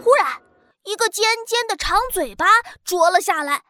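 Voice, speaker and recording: A woman narrating a children's story in a gentle, expressive way. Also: very high-pitched, dry recording, soft background music. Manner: gentle, expressive, slow-paced.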